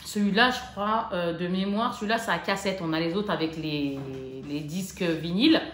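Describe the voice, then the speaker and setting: A woman vlogger chatting casually to camera about her shopping haul, excitable and joking. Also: mid-range voice, a little fast, faint music behind. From France. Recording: echoey room with faint noise.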